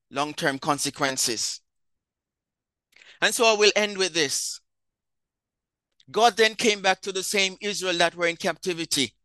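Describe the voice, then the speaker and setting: A man preaching a sermon, rising into emphatic proclamations when quoting scripture and winding down softly at the close. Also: a little high, no echo.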